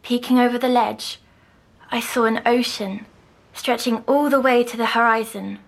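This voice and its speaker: A woman, softly recounting a dream as a patient in an audio drama. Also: on the high side, fairly even intonation, poor audio. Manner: soft, slow, dreamy recounting.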